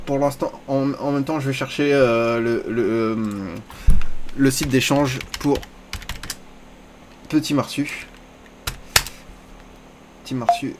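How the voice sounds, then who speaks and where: A man narrates his own online poker game as it happens, chatting to himself and the other players in rough, crude slang and frequently letting out high-pitched squeals. There's a faint hiss or hum in the background.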